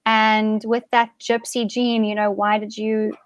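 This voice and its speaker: A woman co-hosting an interview over a video call, speaking in animated quick bursts. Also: mid-range voice, dry recording, muffled recording. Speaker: co-host. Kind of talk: interview conversation.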